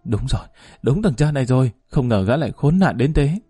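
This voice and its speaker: A man's voice: mid-range voice, expressive, brisk, dark tone, husky, no echo. Man putting on a fiery scorned woman. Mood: distraught. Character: fiery scorned young woman, sharp-tongued.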